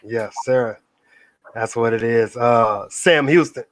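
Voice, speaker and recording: A man's voice: mid-range voice, slow, no room sound. Laid-back man hosting with a dry sound. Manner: laid-back, relaxed slang-heavy talk. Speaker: interview host. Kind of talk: casual live interview.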